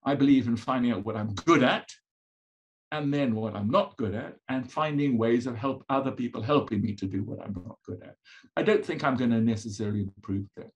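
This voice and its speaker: A man's voice: mid-range voice, a little fast, dull audio. A man with a colonial accent from an upbringing in Africa, lecturing conversationally as a psychologist, asking rhetorical questions and driving points home in short, repeated phrases. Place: indoors, video call presentation with slides.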